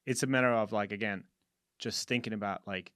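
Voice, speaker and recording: Man, low pitch, dry close sound, halting casual talk. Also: steady tone, fairly bright tone, no room sound. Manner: halting, many fillers and restarts. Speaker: podcast co-host. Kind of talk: casual conversation.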